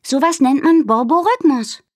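A woman doing a high know-it-all girl. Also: normal speed, no room sound, clean studio sound, lightly acted. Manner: lecturing, high and bright. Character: know-it-all young girl, easily irritated.

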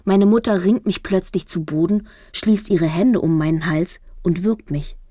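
A woman narrating a first-person novel as an audiobook, wry and lively. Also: on the low side, measured pace, breathy edge, no echo, clean studio sound.

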